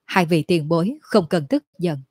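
A woman reading as a calm cunning young cultivator. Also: on the low side, moderate pace, husky, no echo, studio quality. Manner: composed, polite.

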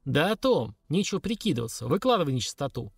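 A man's voice: a little high, sing-song, fast, vocal fry, slightly rough, no echo, clean studio sound, full character voice. A man voicing a blunt, suspicious young man pressing others for answers.

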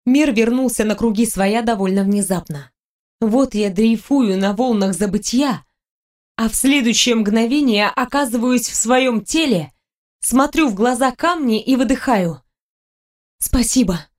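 A woman reading a first-person fantasy audiobook in a calm, even storytelling manner. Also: on the high side, unhurried. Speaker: audiobook narrator.

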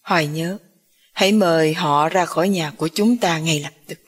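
A woman's voice: fairly low pitch, measured pace, a little mellow, long reverb tail. A woman voicing a cold, bitter old grandmother who speaks in an icy, commanding way. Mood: cold, contemptuous.

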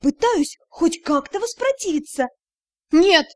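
A woman narrating a fantasy story in first person, lively and switching into voices for each character. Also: high voice, moderate pace, no echo, clean studio sound. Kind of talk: scripted audiobook narration.

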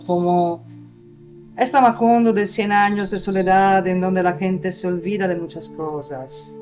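A woman hosting a community radio conversation, talking in a reflective way and asking musing questions. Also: on the low side. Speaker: radio host.

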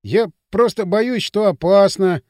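A man's voice: high-pitched, lively intonation, unhurried, darkish tone, no room sound, studio quality. A man voicing a chubby, timid teenage boy in an audiobook, speaking hesitantly and nervously. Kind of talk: audiobook character voice.

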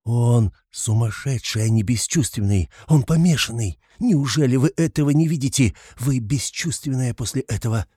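A man voicing an agitated, loyal young male friend in an audiobook, with loud outbursts. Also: mid-range voice, moderate pace, few pauses, slightly rough, dry recording, clean studio sound, pitched above the performer's own voice, close to an everyday voice.

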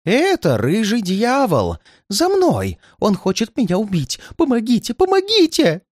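A man's voice: high-pitched, huge pitch swings, unhurried, darkish tone, no room sound, studio quality, voice pushed up, full character voice. A man voicing a frightened, paranoid old man who pleads in a shaky, tearful voice. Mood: frantic, fearful. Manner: frantic outbursts, near tears.

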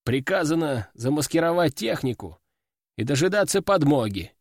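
A man narrating an audiobook in the first person, lively storytelling. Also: on the high side, moderate pace, no echo, clean studio sound. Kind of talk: scripted narration.

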